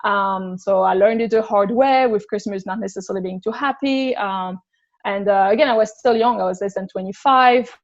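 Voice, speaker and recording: A woman's voice: medium pitch, normal speed, muffled recording. A woman in her thirties from France, speaking English with a French accent as an interview guest, candid and thinking aloud with frequent restarts. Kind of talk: casual conversational interview.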